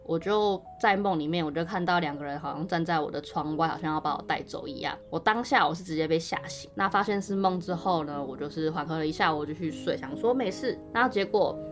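A woman with a fairly low voice tells a first-person story on a podcast. Her talk is chatty and loose, full of fillers and restarts. Soft music plays faintly underneath. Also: fast talker, few pauses. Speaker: podcast co-host.

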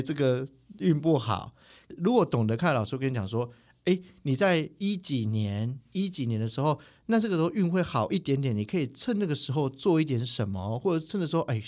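A man with a medium-pitched voice appears as a guest in a podcast studio, a spiritual teacher telling stories in a casual interview. He's animated and quick, mimicking people in the middle of his stories.

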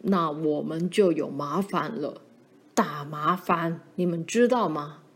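A woman voicing a protective pioneer father who speaks firmly and gravely to his daughters. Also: low voice, takes it slowly, voice pushed down. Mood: stern. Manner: firm and warning, grows grave.

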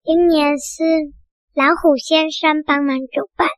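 A storyteller with a high, hoarse, childlike voice, narrating an animal story for children in a simple, drawn-out way. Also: steady tone, a bit bright, no room sound. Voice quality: hoarse, husky.

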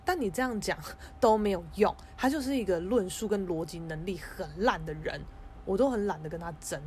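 Animated woman telling a story. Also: medium pitch, a little fast, slight background noise. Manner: animated, frequent restarts and stammers, mimics others in quotes. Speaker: podcast host. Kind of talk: casual storytelling monologue.

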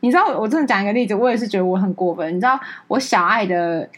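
A young woman co-hosts a casual podcast chat, recounting a personal story at a brisk clip. She slips into the voices of the people in her story as she goes. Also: mid-range voice. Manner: animated storytelling, acts out quoted dialogue. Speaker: podcast co-host.

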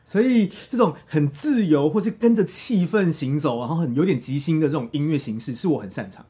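Man, Taiwanese Mandarin accent, interview guest, lively intonation, quick talker, casual self-deprecating storytelling. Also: fairly high pitch, husky. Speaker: interview guest, theatre director.

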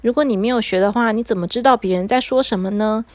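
A woman voicing a calm magician who lectures a boy. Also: fairly high pitch, fast talker, dry recording, lightly acted. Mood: lecturing. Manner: preachy, lecturing.

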